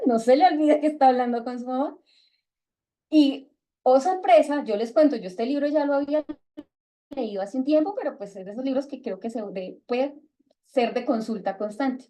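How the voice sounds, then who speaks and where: A middle-aged woman with a Colombian accent leading a book club on a video call, talking casually and acting out bits of dialogue with a raised voice. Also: mid-range voice. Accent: Colombian Spanish. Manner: lively, acts out quoted dialogue in raised voice. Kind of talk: casual talk to a reading group.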